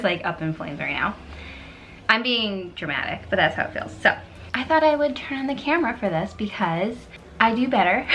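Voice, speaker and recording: Young woman, casual vlogger, mid-pitched and rambling, laughs at herself, faint room hiss on a camera mic. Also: fairly bright tone. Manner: chatty and rambling, self-deprecating, laughs often. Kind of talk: casual productivity vlog. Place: home office, indoors.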